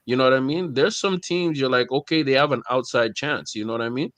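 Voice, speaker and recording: A man's voice: medium pitch, fairly quick, a bit bright, no echo. A man co-hosting a casual sports talk stream, laughing often and asking "you know what I mean". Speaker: podcast co-host.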